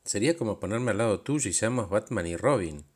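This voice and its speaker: A weary, defensive superhero who pleads hesitantly for some respect, as a man puts him on. He speaks in a low voice with a Rioplatense accent. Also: animated, brisk. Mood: pleading. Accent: Rioplatense Spanish. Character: beaten-down, defensive male superhero, hunched and weary.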